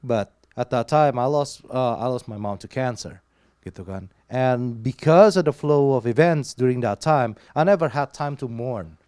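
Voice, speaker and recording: Man, church member, hesitant testimony, fillers, handheld mic, mid pitch. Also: expressive, measured pace, few pauses, darkish tone, clear, resonant tone. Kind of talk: personal testimony. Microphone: handheld microphone.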